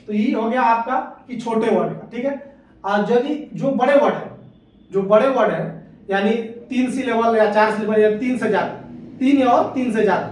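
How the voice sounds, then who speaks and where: A high-pitched man teaches English grammar, repeating each rule and asking questions of his students. His voice is heard from a distance in a strongly echoing room, far from the mic. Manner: patient, repeats points and asks the class questions. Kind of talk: classroom lesson.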